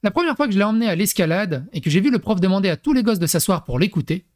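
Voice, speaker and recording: A man commenting comically on a parenting text he reads aloud, with animated, crude talk and mock acting mixed in. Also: high voice, racing. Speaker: YouTube commentator.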